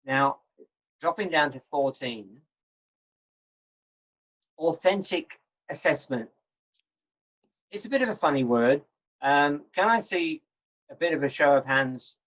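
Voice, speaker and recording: An older man leads a class over a video call. He speaks in a measured, encouraging, teacherly way. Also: fairly high pitch, lively intonation, a bit bright, low-quality recording. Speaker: lecturer. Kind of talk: online lecture.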